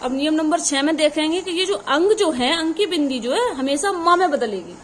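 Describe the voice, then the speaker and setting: A woman's voice: high-pitched, animated, normal speed, slight background noise. A woman teacher giving an exam-prep grammar lesson, addressing her students as children and answering her own questions. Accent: Hindi. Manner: calls the audience "children", asks questions and answers them herself.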